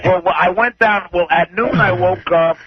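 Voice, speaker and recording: A man tells a rambling story in casual radio chat. He stumbles and restarts his sentences in a somewhat high voice. The sound is dull and dry, like a radio studio feed. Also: normal speed, husky, dry recording. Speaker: comedian, show regular.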